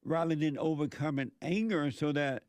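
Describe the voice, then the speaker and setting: A man's voice: a little high, normal speed, darkish tone, dry recording. A man hosting call-in talk radio, debating bluntly and repeating his questions.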